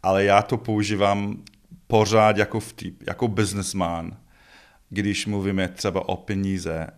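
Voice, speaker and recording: A middle-aged Scottish man, a native English speaker and festival organiser, answers interview questions as a guest in a conversational, joking, self-deprecating way. His voice is fairly low and level in tone.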